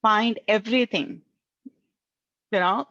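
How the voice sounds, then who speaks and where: Earnest and slow, a career coach with a thick Indian accent guides job seekers in English, her second language, repeatedly checking in with "right?". Her mid-range voice has a fairly bright tone, and the audio is dry and somewhat muffled.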